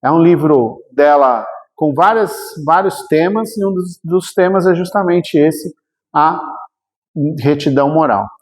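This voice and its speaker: A man's voice: a little high, a little slow. A man with a Brazilian Portuguese accent, giving a storytelling lecture in a chatty, colloquial way with humorous asides. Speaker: spiritist lecturer. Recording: reverberant hall.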